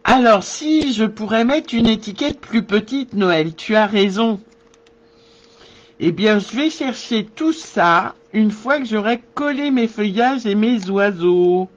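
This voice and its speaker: A man's voice: high-pitched, expressive, lo-fi sound. A man giving a live card-making tutorial, thinking aloud as he works and answering viewers. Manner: slow, thinking aloud while working.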